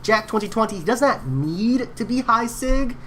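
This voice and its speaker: A male game streamer talks casually to his live chat while he plays. His voice swings widely up and down in pitch, and his delivery is slangy and relaxed. He answers viewers by name in easy, offhand chatter. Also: moderate pace, slight background noise.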